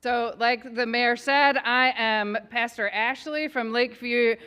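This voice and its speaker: A woman pastor with a Northern Irish accent softened by American years, giving a measured, solemn public invocation. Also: fairly high pitch, steady tone, smooth. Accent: Northern Irish, blended with American. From Northern Ireland.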